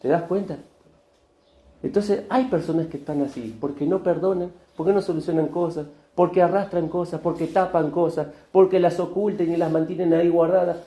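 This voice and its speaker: A man's voice: on the high side, dark tone. A male pastor, preaching a sermon with rhetorical questions and repetition. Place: church hall. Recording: echoey church hall.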